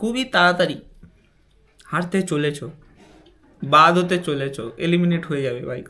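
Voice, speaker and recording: A football reaction vlogger, reacting to a match in an excitable, slangy chat that swings from hushed asides to yelling. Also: mid-range voice, normal speed.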